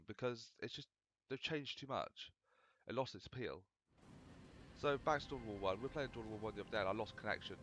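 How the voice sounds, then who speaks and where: A man's voice: on the low side, a bit bright, no room sound. A young man rambling casually through gameplay commentary, swearing freely as he chats. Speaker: gaming channel host.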